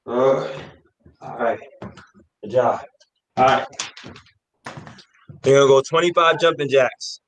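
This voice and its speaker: A man coaching like an aerobics instructor, counting reps, calling out exercises and shouting encouragement. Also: medium pitch, takes it slowly, long pauses. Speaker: fitness coach. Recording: echoey room, distant mic, faint noise.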